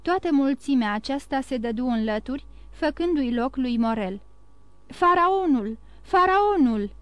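A woman narrating a classic novel in a measured, expressive audiobook reading. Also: sits high, no room sound.

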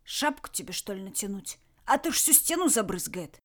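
Woman voicing a gruff male commander. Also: medium pitch, animated, moderate pace, close to an everyday voice. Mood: taunting. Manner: grumbling, coarse and dryly mocking.

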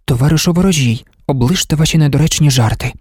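A man's voice: a little high, fast talker, slightly rough, dry recording, studio quality. A man voicing a hot-tempered young woman clerk. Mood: dry, cold. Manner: sharp, indignant outbursts.

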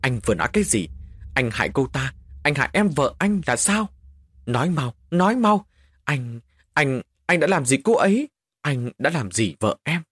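A man's voice: fairly high pitch, sing-song, moderate pace, breathy edge, no echo, clean studio sound, pitched above the performer's own voice. A man playing an angry, demanding younger brother. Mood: furious. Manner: demanding, urgent.

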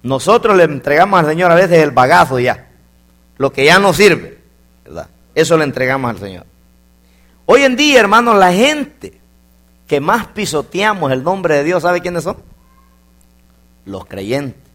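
A male preacher delivers an animated sermon. His voice sits high and moves widely, rising to loud exclamations and sinking into quiet asides. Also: a little slow, pauses often.

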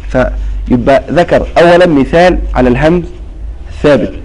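In a classroom lesson on religious recitation, a man explains patiently and quizzes his students with repeated questions. His voice is on the high side and darkish in tone, at normal speed, and the audio is poor.

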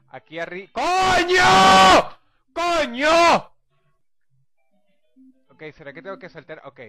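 A man with a Venezuelan accent narrating his gameplay, swearing nonstop and shouting in frustration. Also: sits high. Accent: Venezuelan Spanish. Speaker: gamer. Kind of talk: raging gameplay commentary.

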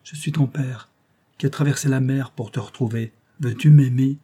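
A man's voice: mid-range voice, steady tone, moderate pace, warm tone, slightly rough, pitched above the performer's own voice, lightly acted. A man reading the part of a grieving young husband, crying out in impassioned outbursts. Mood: pleading.

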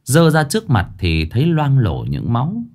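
Expressive male storyteller. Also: medium pitch, moderate pace. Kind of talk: ghost story narration.

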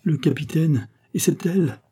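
A man's voice: fairly high pitch, normal speed, warm tone, slightly rough, pitched above the performer's own voice. A man reading the part of a nervous male servant in an audiobook, with an anxious, pleading manner. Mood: alarmed.

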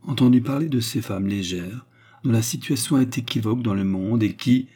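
A man reading the lines of a young woman who feigns repentant love, in an earnest, softly dramatic tone. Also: mid-range voice, moderate pace, breathy edge, natural voice. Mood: pleading. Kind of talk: audiobook character reading.

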